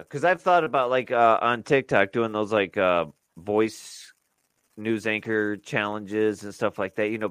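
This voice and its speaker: This podcast co-host has a slightly bright, smooth voice on the low side, recorded with no room sound. He chats casually, rambling along with plenty of fillers and restarts.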